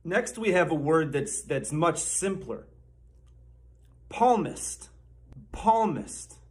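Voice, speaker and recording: A man's voice: fairly high pitch, lively intonation. Sarcastic man giving a mock lesson. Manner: sarcastic, slow over-enunciation. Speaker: channel host.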